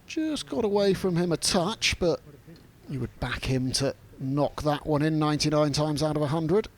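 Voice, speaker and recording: A man narrating golf highlights and commentating on the play as a sports broadcaster. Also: expressive, moderate pace.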